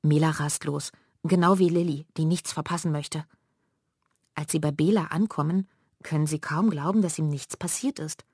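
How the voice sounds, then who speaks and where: A woman narrating a children's audiobook in a clear storytelling manner. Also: sits low, steady tone, moderate pace, darkish tone, no echo, clean studio sound.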